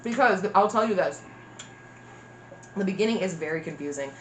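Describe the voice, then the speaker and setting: A woman's voice: on the low side, lively intonation, normal speed. A young woman hosting a mukbang, chatty and giggly, talking with her mouth full. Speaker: mukbang host. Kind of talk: casual chat. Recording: echoey room with faint noise.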